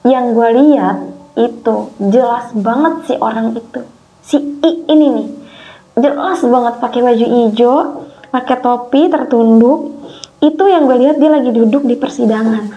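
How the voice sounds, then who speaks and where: A woman's voice: on the high side, moderate pace. A woman emotionally retelling a frightening experience in casual slang. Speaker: guest telling her experience. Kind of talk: casual storytelling. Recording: dull lo-fi sound with faint music.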